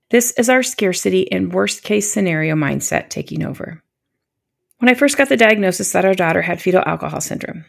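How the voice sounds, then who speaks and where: A woman in her fifties hosts her own podcast and talks straight to the listener. Her voice sits at an ordinary middle pitch with a gravelly edge of fry. She sounds gentle, encouraging and confiding. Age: 50s. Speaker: podcast host. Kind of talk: warm solo podcast talk.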